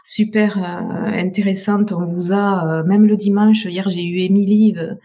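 Halting woman with a southern French accent. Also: mid-range voice, little pitch movement, dark tone, faint music behind. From southern France. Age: middle-aged. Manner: halting, repeats words, heartfelt. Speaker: guest, business owner. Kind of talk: live podcast interview.

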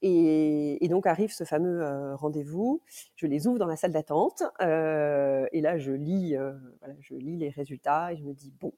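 A woman's voice: low voice, moderate pace, mellow. A woman in her thirties, a mother recounting events as a podcast guest, in a hesitant way with many fillers and restarts. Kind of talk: casual storytelling interview.

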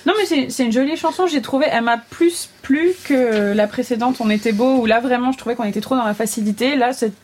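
A woman's voice: fairly high pitch, quick pace, few pauses, a little mellow, a little hiss or hum. A woman on a music show panel, chatting casually about a song in a chatty, self-mocking way and laughing easily. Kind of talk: casual chat.

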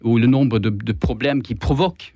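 A man's voice: mid-range voice, normal speed, warm tone, no echo, studio quality. A man with a Swedish accent speaking as a guest on a political debate panel, hesitant, stumbling over repeated words and restarts. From Sweden.

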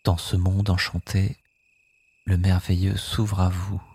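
Sleep hypnosis guide: hushed and soothing, dark mellow tone, slightly husky, extremely unhurried delivery. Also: sits low, flat delivery. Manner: soothing, hushed, with phrases echoed softly.

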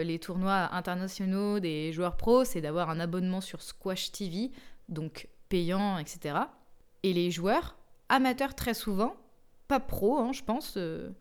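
A young woman talks casually on her own podcast. She is chatty and self-mocking and laughs easily, with a voice of ordinary middle pitch. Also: clean tone. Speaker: podcast host. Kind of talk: casual solo podcast talk.

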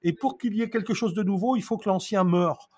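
With a high-pitched, slightly rough voice and a darkish tone, a French interview guest in his sixties discusses housing briskly and reflectively. He hesitates and restarts often before pushing his arguments hard.

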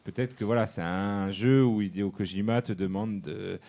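A man's voice: on the low side, steady tone, normal speed, warm tone. A man talking casually on a radio show in loose, rambling sentences.

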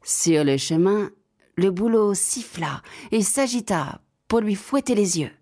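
A woman narrating a children's fairy tale in an expressive, measured way. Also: mid-range voice. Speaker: storyteller.

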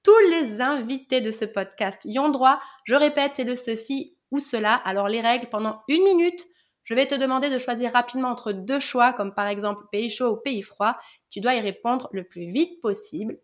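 A woman's voice: fairly high pitch, moderate pace. A woman hosting a podcast, chatting casually and playfully with a guest and laughing often. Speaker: podcast host.

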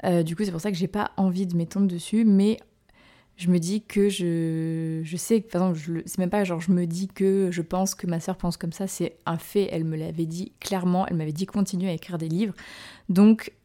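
Woman rambling on her podcast, warm lowish voice, lots of euh and restarts, kinda self-mocking. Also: fairly even intonation, normal speed. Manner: hesitant, full of "euh" fillers and restarts; chatty, self-mocking, laughs at herself. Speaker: podcast host and novelist. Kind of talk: casual solo podcast chat.

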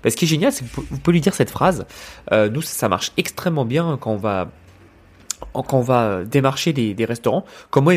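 A man's voice: medium pitch, animated, a little fast. A man from France hosting a solo podcast, giving business advice in a direct, persuasive way and talking straight to the listener. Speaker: podcast host and business coach.

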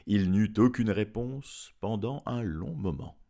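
Low, lively male storyteller. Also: slow pace, gravelly. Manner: expressive, lively reading. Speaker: narrator reading a novel aloud. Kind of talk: audiobook storytelling.

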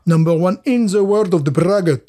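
A man's voice: fairly high pitch, expressive, moderate pace, darkish tone. A man co-hosting a casual podcast, presenting a drink in a rambling, hesitant way, often laughing and repeating himself. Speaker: podcast co-host presenting a beer. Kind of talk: casual chat.

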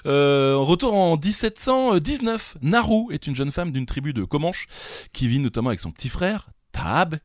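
A man's voice: a little high, sing-song, normal speed, no room sound, clean studio sound. A man from France co-hosting a quiz podcast, joking, laughing often and sing-songing the show's jingles. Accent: French. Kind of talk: playful casual quiz banter.

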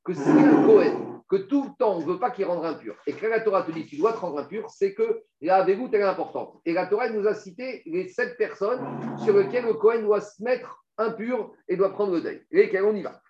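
Man, higher voice, Talmud class, reads passages then explains, dull echoey recording. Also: a little fast, few pauses, dark tone, a little hiss or hum. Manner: reads Aramaic passages then explains in French, asks and answers questions. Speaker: Talmud teacher.

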